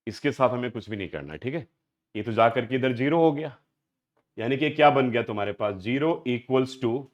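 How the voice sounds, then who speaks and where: A muffled recording captures a mid-range male voice: a middle-aged Indian teacher giving a live math lecture. He questions his students throughout each step, speaking a mix of Hindi and English.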